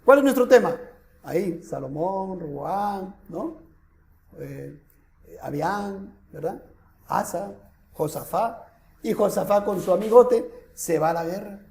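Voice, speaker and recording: A man with a Peruvian accent preaching a sermon as pastor, lively and full of rhetorical questions to the congregation. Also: high voice, slow, creaky, long pauses, reverberant, a little hiss or hum. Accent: Peruvian Spanish. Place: church hall.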